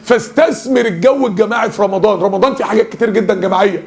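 A man with an Egyptian Arabic accent giving a lively mosque lesson, joking and asking the audience questions. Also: high-pitched, rapid-fire, gravelly. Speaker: preacher.

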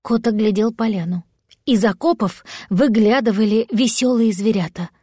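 A woman narrating a children's storybook aloud with gentle expressive telling. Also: medium pitch, moderate pace, breathy edge, no echo, clean studio sound. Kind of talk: audiobook storytelling.

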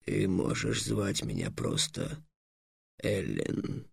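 A man doing a gruff grumbling old dragon. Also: huge pitch swings, no room sound, clean studio sound, exaggerated voice. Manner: low, slow and gloomy.

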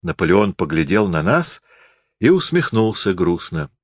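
A man narrating a story in an expressive, story-telling reading style. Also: sits low, measured pace, breathy edge, no room sound.

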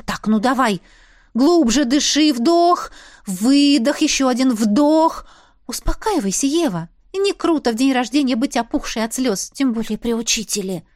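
Picture a bubbly, teasing young woman from a spoken story, her voice pitched up and bright with energy, as a female reader puts her on. She chirps along in high spirits. The sound is close and dry. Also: lively intonation, moderate pace, dry recording. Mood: soothing.

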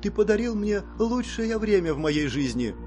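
Frail, gentle young woman in a storybook, soft and earnest, high voice; male narrator voicing her. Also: very animated, normal speed, soft background music. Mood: tender. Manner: quiet, sincere, soft.

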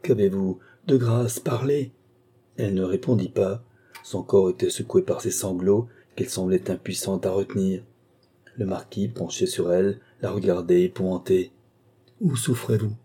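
A man narrating a classic novel in a measured, even literary reading. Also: deep voice, slightly rough. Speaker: audiobook narrator. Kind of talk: scripted narration.

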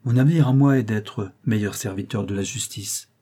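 A man reading an audiobook, voicing a grave and dutiful police detective in a measured manner. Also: on the low side, mellow, husky.

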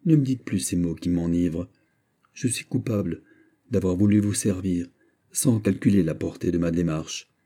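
A man's voice: lowish voice, mellow, breathy edge. A man voicing a proud and tender young noblewoman in an audiobook reading, speaking in an earnest, pleading manner.

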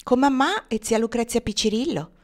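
A woman's voice: on the high side, expressive, normal speed, a little mellow, voice pushed up, lightly acted. A woman reading a sly, teasing young girl. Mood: earnest.

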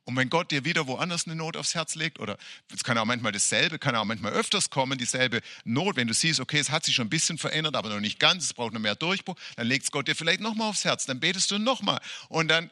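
A man preaching a sermon as pastor, animated, repeating phrases and speaking straight to his listeners. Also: mid-range voice, fast, no room sound, studio quality. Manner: animated preaching with repetition and direct address. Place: church evening service.

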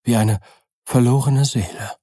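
A man's voice: mid-range voice, fairly even intonation, unhurried, no echo, clean studio sound, lightly acted. A man reading as a frightened old servant. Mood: fearful. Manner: hushed, fearful. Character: frightened loyal male servant, older.

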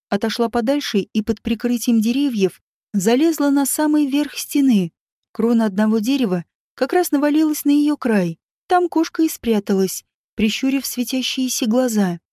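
A woman narrating a fantasy audiobook in a calm, even storytelling manner. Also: fairly high pitch, dry recording, clean studio sound. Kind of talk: scripted narration.

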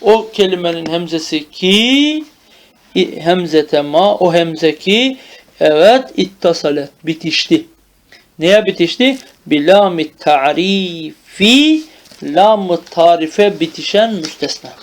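A man teaching Arabic grammar in a traditional madrasa style, drilling terms slowly and stopping to check that the student follows. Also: high-pitched, lively intonation.

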